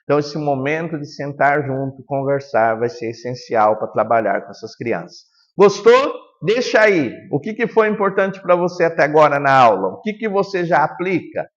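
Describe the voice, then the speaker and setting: A man, a pastor giving a calm, earnest teaching lesson that often sinks to a soft, low tone. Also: normal speed, big-room sound, dull audio. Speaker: pastor teaching children's ministry workers.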